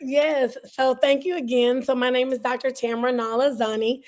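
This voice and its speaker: High, hoarse-voiced woman guest. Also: fairly even intonation, moderate pace, darkish tone. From Southern US, Alabama and Georgia. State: slightly hoarse, scratchy voice. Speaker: guest, entrepreneur. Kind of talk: interview answers.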